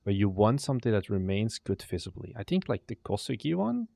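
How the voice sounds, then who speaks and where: Studio-quality sound with no echo captures a young Dutch game developer's lowish, gravelly, mellow voice, brisk and full of big pitch swings. Streaming casually, he mutters his thoughts aloud, trails off and swears now and again.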